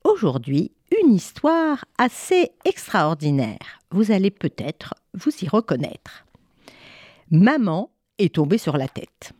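A woman narrating a children's story, animated and speaking straight to young listeners. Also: on the low side, slow pace, dry recording, clean studio sound.

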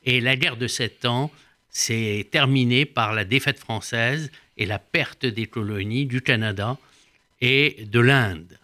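A man's voice: mid-range voice, slow, bright, forceful tone. An older man, a former diplomat, explaining at length in a radio interview, hesitating often with "euh".

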